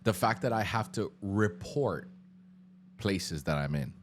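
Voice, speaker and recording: A man's voice: lowish voice, lively intonation, unhurried, a little hiss or hum. A man hosting a podcast in casual chat, loose and joking with slang and lots of fillers. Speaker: podcast host.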